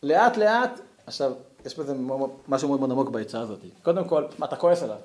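A man giving a lively Torah lesson to a class, acting out angry letters with sudden high outbursts. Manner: animated, acts out angry letters, jumps high in pitch. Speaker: Torah teacher. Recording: echoey room.

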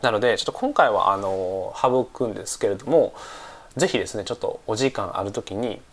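A man with a somewhat low voice gives a casual English lesson, still a little stuffy-nosed from a cold. He talks unhurriedly, with plenty of fillers. He repeats each key phrase slowly and carefully. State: slightly stuffy nose, recovering from a cold. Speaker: English teacher.

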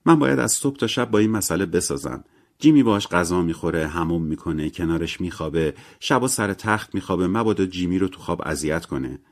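A man voicing a lively, wry young mother who talks in an animated, emphatic way in a story reading. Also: low voice. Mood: exasperated.

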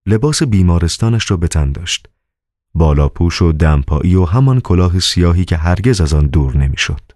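A man narrating a novel as an audiobook in a measured, calm way. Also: low voice, dry recording, clean studio sound.

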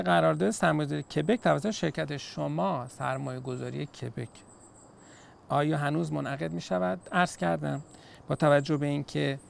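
A man's voice: a little high, vocal fry, slight background noise. A middle-aged man, an immigration consultant, patiently answering viewer questions with everyday analogies and frequent hesitations. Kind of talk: call-in style Q&A, explaining.

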